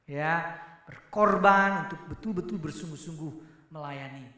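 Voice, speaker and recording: Bright-voiced preacher in echoey church. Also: male voice, on the high side, normal speed. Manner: animated, addresses congregation directly. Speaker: pastor. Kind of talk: sermon.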